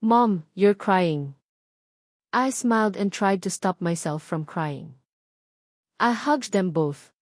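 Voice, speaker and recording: A woman's voice: medium pitch, lively intonation, takes it slowly, no room sound. Woman narrating a romance novel, dry sound.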